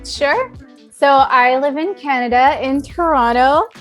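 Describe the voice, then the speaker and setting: A woman's voice: high-pitched, unhurried, fairly bright tone, faint music behind. A woman from Thailand, a podcast guest, talking in a cheerful, self-deprecating way. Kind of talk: casual podcast conversation.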